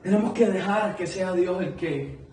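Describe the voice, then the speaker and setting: A man's voice: sits high, moderate pace, darkish tone, a little hiss or hum. A man preaching a sermon to a small congregation, earnest and conversational, asking many rhetorical questions. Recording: echoey room, mic at a distance.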